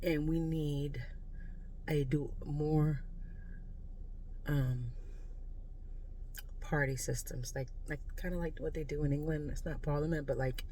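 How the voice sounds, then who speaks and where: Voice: medium pitch, steady tone, slow, pauses often, mellow, slight background noise, poor audio. An exasperated American vlogger giving a casual, unscripted political rant in a blunt, emphatic way. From United States. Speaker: video creator giving political commentary.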